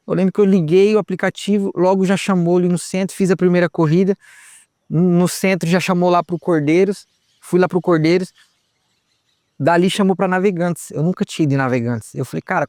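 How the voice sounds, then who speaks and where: A man's voice: high-pitched, darkish tone, no room sound, clean studio sound. A young man giving a personal testimony outdoors on a hilltop, retelling events and acting out the dialogue. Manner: retells events with quoted dialogue, says "cara" often. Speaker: testimony guest.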